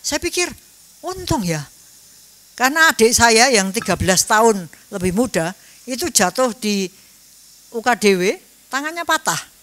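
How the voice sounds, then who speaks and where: A woman's voice: fairly high pitch, big pitch swings, moderate pace, pauses often, a bit bright. A woman, giving a Buddhist Dhamma talk in a chatty storytelling way. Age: 70s. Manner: chatty storytelling, mixing in Javanese words. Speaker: Dhamma speaker.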